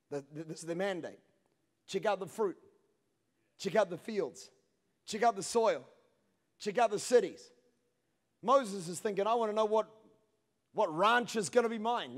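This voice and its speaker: A man in his thirties preaching a sermon on a large church stage into a handheld mic, swinging between hushed passages and shouted peaks. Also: high-pitched. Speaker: pastor. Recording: long hall reverb.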